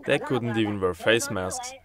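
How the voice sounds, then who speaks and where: Disguised deep-voiced man, distorted. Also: normal speed, crowd noise. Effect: voice distorted to disguise identity, deep. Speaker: interviewee, resident. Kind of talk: interview testimony.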